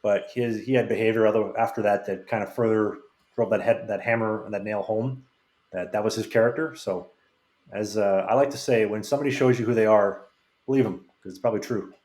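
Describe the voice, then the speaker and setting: Man, podcast guest, casual rambling anecdotes, rapid talk, echoey room sound. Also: on the low side, steady tone, a little mellow. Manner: rambling, frank anecdotes with many restarts. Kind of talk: casual storytelling. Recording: roomy echo.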